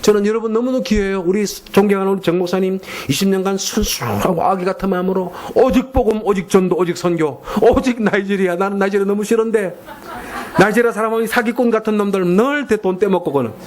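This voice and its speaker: A man with a Gyeongsang Korean accent preaching a sermon in church, emphatic and repetitive, switching into slow deliberate English at times. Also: high voice, a little mellow. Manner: emphatic, repeats phrases, mixes in slow English. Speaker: missionary preacher. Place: church sanctuary.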